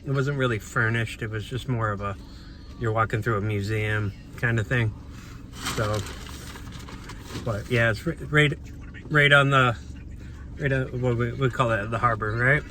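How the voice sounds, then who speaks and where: Out on town streets with passing cars in the background, a travel vlogger chats casually in a medium-pitched, bright, forceful voice. He talks a little slowly, pauses often, and rambles with many fillers and restarts.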